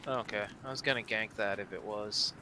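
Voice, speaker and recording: Bright-voiced male player. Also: lowish voice, moderate pace. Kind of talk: casual tabletop game chat.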